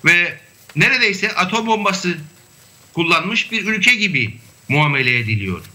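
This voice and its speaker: A man with a high voice and a very bright, sharp tone explains his points as a guest on a panel discussion. He talks in a measured way, pausing often on fillers. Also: lively intonation. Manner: measured, hesitant with frequent fillers. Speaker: academic guest.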